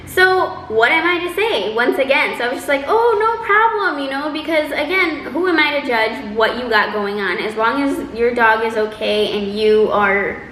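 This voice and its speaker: A woman telling a personal story in a casual, chatty, animated way, acting out quotes as she goes. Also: fairly high pitch, normal speed, hardly any pauses. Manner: animated, exaggerating delivery with acted-out quotes. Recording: roomy echo, faint background noise.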